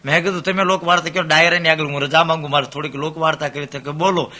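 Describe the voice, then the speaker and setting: A man's voice: on the high side, fairly even intonation, fast, bright, forceful tone. A man with a Saurashtra Gujarati accent telling comic folk stories on stage, repeating his phrases in a storytelling rhythm and quoting the characters' dialogue. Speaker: folk storyteller and dayro performer.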